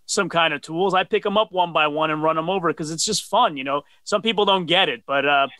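40s guy from new jersey hosting a video call interview, slightly high bright voice, dry sound. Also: brisk, no echo. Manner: friendly, affirming, asks long questions. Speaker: interview host. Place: dim home office. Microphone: webcam on video call.

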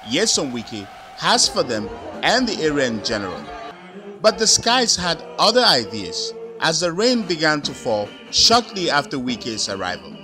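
Bright, animated male news reporter. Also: a little high. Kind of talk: scripted news narration.

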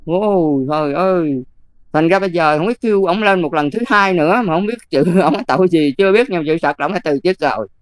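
An older Buddhist nun with a Southern Vietnamese accent, talking casually and emphatically, often checking whether the listener follows. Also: female voice, fairly low pitch, fairly quick, dry recording. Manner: emphatic, keeps checking "see?". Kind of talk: casual advice talk.

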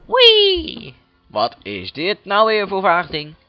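Male gamer, lively fairly high voice, casual let's play chatter, dull lo-fi home mic. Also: normal speed, no echo, soft background music. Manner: playful, chatty, jokes with the game characters. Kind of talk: casual gameplay commentary.

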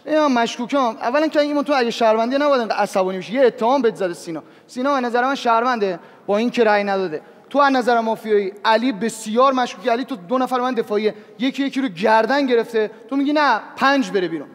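A man with a very high voice argues hard and points fingers at rival players. His words ring out in a studio with a long reverb tail. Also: few pauses. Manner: accusing, persuasive. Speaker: game show contestant. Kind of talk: heated argument in a party game.

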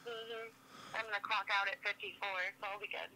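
A woman's voice: mid-range voice, level tone, brisk, bright, forceful tone. Woman's brash voice over a noisy speakerphone. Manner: brash, joking. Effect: heard over a speakerphone. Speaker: caller. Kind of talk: casual chat.

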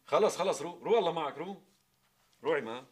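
An actor playing a grumbling, bossy middle-aged office worker with a Syrian accent in a television comedy-drama. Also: male voice, fairly high pitch, expressive, fast, sharp tone, reverberant. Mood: teasing, bossy. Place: small office set indoors.

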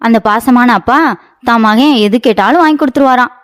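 A woman's voice: on the high side, fairly quick. Woman narrating a storybook tale. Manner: folksy storytelling cadence. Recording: with background music.

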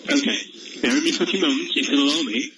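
A man working as a customer support agent who speaks briskly and formally on a phone call. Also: a little high. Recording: distant echoey phone line with loud noise.

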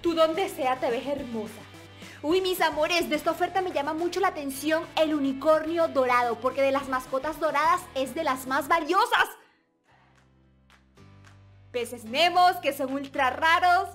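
A young woman hosting a gaming video, commenting excitedly and exclaiming as she keeps addressing her viewers fondly. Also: high-pitched, normal speed. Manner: animated, exclamatory, keeps calling viewers "mis amores". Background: faint background music.

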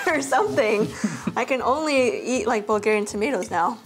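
A woman's voice: a little high, wildly swooping pitch, normal speed, soft background music. A woman co-hosting a casual food-tasting vlog, chatty and upbeat with a lot of filler words. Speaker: vlog co-host.

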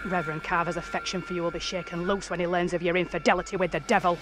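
A man's voice: high-pitched, level tone, racing, music in the background, lightly acted. An actor playing a stern old-time villager who accuses someone of witchcraft in a game. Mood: accusing.

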